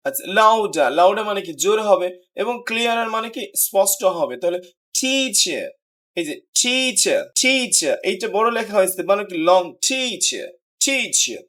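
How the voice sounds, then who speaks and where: A man teaching an English pronunciation lesson, explaining patiently and repeating example words slowly for practice. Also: high voice, fairly bright tone.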